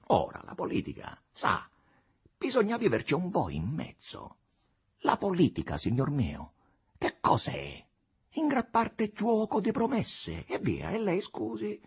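Guy reading as a smug sneering politician, husky voice, pitch leaping all over. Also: fairly bright tone, exaggerated voice. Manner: mocking, condescending, lecturing. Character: arrogant scornful male politician, middle-aged.

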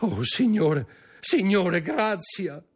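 A man's voice: mid-range voice, huge pitch swings, slow, breathy edge, soft background music, voice pushed up, heavily acted. A man reading an audiobook, voicing a frightened young wife who stammers and pleads. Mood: terrified pleading.

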